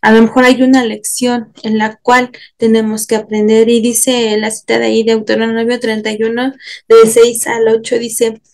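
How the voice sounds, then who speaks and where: A woman's voice: on the high side, little pitch movement, normal speed. A woman with a Mexican Spanish accent teaching a church Bible course, earnest, often asking rhetorical tag questions.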